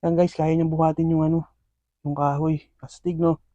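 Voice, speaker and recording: A man with a somewhat high voice talks at a moderate pace, keeping his viewers company as he feeds his pet scorpions and calls out what's happening. He's the keeper and host of the video, giving excited play-by-play full of fillers. The audio is dull, with no echo.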